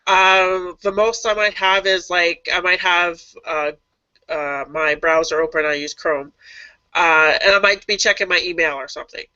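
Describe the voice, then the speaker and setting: A man's voice: high voice, steady tone, normal speed, bright, forceful tone, clean tone, dry recording. A man on a casual group call, sharing a tip hesitantly with many fillers, over dry lo-fi call audio. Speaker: team member on a call.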